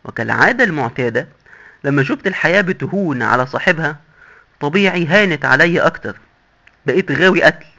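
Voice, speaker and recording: A man's voice: a little high, expressive, quick pace, vocal fry, pushed and bright, full character voice. A man with an Egyptian accent voicing a boastful, sly male doctor in hell who lectures glibly and mockingly. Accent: Egyptian Arabic. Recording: dull lo-fi recording.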